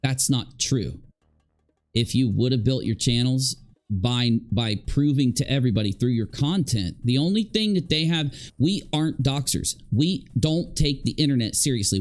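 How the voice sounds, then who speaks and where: A man hosting a livestream, also a video creator, goes on a casual, rambling rant that is emphatic, repetitive and accusatory. He uses a mid-range, slightly mellow voice with lively intonation at a normal speed, over faint background music.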